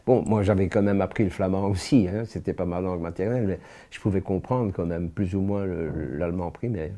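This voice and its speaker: A Frenchman in his eighties with a deep, dark voice gives spoken testimony as a witness. His account is halting, full of pauses and restarts.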